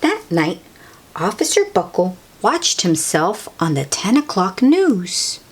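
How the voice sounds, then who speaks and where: A woman's voice: mid-range voice, very animated, takes it slowly, breathy edge. A woman reading a children's picture book aloud, with exclamations and chatty asides to young listeners. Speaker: storybook read-aloud host.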